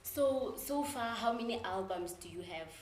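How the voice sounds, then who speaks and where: A woman's voice: fairly high pitch, lively intonation, moderate pace. A young woman with a South African accent, asking questions as the host of a casual interview show. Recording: echoey room with faint background noise.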